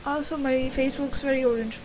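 A woman's voice: high voice, fairly even intonation, brisk, noisy background. A young woman doing casual gameplay commentary in a rambling, sweary, self-deprecating way. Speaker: gaming video host. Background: game music.

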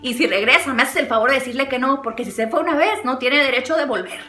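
Bright, high-voiced Mexican woman vlogger. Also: fast talker. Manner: animated, laughs often, acts out quotes. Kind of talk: chatty storytelling and advice. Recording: echoey room with faint music.

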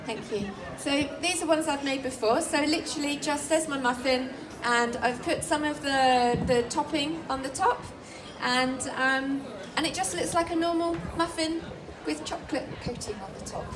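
A woman's voice: high voice, normal speed, hardly any pauses, crowd noise. An English woman and nutritionist giving a live cooking demonstration at an outdoor festival stall, chatty and explanatory with many ums and restarts. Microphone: filmed from the crowd by a far camera. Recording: distant voice through PA with outdoor noise.

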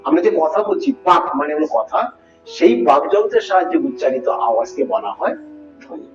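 A man's voice: fairly high pitch, sing-song, fairly quick. Man, teacher, grammar lesson, quizzing students, far from the mic, dull lo-fi sound. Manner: asks students questions, explains step by step. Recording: roomy, distant, dull sound with music behind.

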